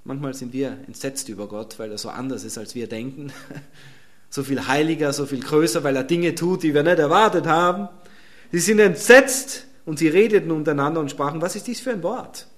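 A man's voice: fairly high pitch, a little fast, fairly bright tone. A male pastor preaching a sermon in an emphatic, conversational way and chuckling between points.

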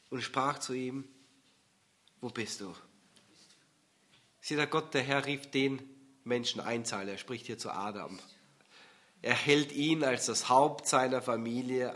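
Slow, earnest male preacher. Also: mid-range voice, a bit bright. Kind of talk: sermon with scripture reading.

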